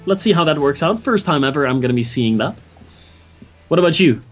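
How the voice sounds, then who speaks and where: With soft music in the background, a man with a fairly high voice casts a video game match a little fast. He's an esports commentator who introduces the players and thinks through strategy out loud. His manner is excitable and easy, and he laughs a lot.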